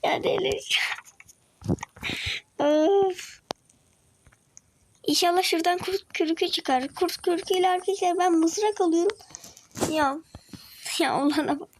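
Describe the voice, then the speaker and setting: High-voiced excitable young gamer. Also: female voice, measured pace, long pauses, a little hiss or hum, poor audio. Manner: excitable, talks to viewers and in-game enemies, drops to whispers. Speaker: gaming video creator. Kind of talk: casual gameplay commentary.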